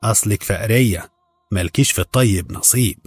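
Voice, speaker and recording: A man voicing a stingy middle-aged Egyptian husband who speaks calmly and sarcastically, with a husky voice. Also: lowish voice, brisk, dry recording, faint music behind. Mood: cold sarcastic. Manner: calm, dismissive, sarcastic.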